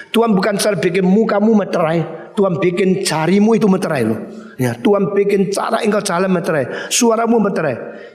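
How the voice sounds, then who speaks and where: Male pastor, fairly high voice, lively storytelling sermon, big echoing hall. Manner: animated storytelling, acting out quoted voices. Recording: reverberant hall.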